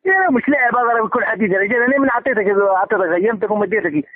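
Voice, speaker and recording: A man's voice: high voice, animated, rapid-fire, no echo. An Algerian man on a phone call, exasperated and insistent, arguing combatively as he demands to be paid back. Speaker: caller demanding repayment of a debt. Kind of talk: heated argument over the phone. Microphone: telephone. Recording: tinny, band-limited phone line.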